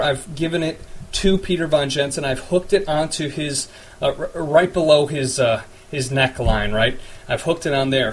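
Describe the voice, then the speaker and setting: Frazzled post-apocalyptic radio host, played by a man, rambling and flustered, a bit high-voiced. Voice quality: rambling, flustered, stumbling over words. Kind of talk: comedic audio drama.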